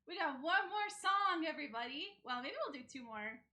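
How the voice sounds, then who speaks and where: A woman's voice: high-pitched, animated, normal speed, sharp tone. A woman streamer chatting casually and gigglily with her live audience between songs. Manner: casually sweary. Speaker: streamer, singer.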